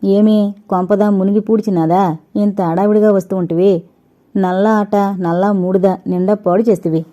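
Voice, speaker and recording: Sarcastic older gangster boss with a lilt, read by a woman, dark lo-fi audiobook. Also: mid-range voice, moderate pace, lightly acted. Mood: scolding. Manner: scolding, sarcastic drawl. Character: scheming older male crime boss, mocking.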